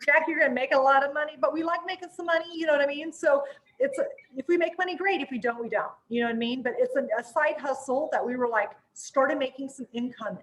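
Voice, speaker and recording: High-pitched, chatty woman host. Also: fast, rough recording. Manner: chatty, informal, excitable. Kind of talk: casual promotional chat.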